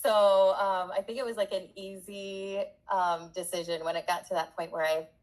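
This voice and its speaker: A woman born in the US and raised in Puerto Rico, bilingual in Spanish and English, answers as an interview guest in a talkative, emphatic, conversational way. Her medium-pitched voice stays level at normal speed, and the recording quality is low.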